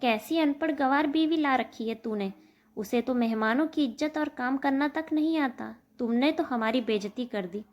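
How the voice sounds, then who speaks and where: A woman's voice: high voice, moderate pace, a little mellow, lightly acted. A woman voicing a rude, drunk young man complaining at a party in a told story. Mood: annoyed.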